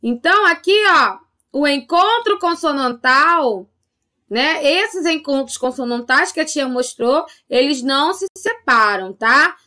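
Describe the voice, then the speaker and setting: Her voice is high, expressive, bright and forceful as this Brazilian Portuguese-accented woman leads a recorded remote lesson for grade-schoolers. Slow and patient, she keeps asking "tá?" to check in on her pupils.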